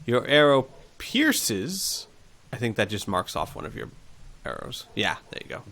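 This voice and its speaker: A man's voice: low voice, big pitch swings, fairly quick, creaky, pushed and bright. A man hosting a read-through of a fantasy gamebook, narrating and breaking into casual asides. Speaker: host and reader.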